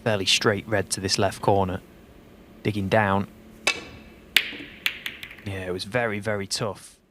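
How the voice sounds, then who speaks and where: A man giving understated, unhurried live snooker commentary, shot by shot. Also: on the low side, little pitch movement. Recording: noisy, clicks behind the voice.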